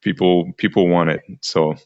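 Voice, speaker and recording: A man with a very low, gravelly voice talks as a DJ guest in a live interview, stumbling and repeating his words as he gets going. His sound is dull and dry, with no room around it. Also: fairly even intonation, moderate pace, no echo. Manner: hesitant, repeats words, friendly. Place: Hong Kong.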